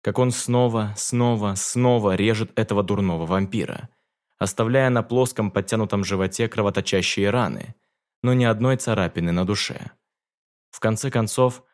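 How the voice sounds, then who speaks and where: A man narrating a fantasy audiobook in a measured, dramatic reading. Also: fairly low pitch.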